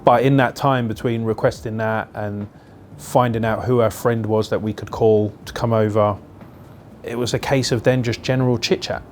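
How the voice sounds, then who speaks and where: A man's voice: on the low side, steady tone, normal speed, darkish tone, a little hiss or hum. A male police officer being interviewed for a documentary, recounting a call in a plain-spoken, reflective way.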